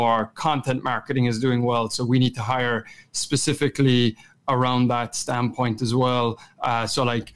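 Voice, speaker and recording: A man's voice: mid-range voice, smooth. A man with a west of Ireland Kerry accent, answering interview questions in an informal, conversational way. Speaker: podcast guest, chief marketing officer.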